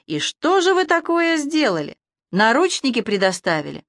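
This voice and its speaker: A woman voicing a brash, quick-tempered young woman who brushes things off and bristles in an audiobook. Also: high-pitched, sing-song, fairly bright tone, no echo, studio quality, pitched above the performer's own voice, full character voice. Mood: bristling. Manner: bristling, dismissive.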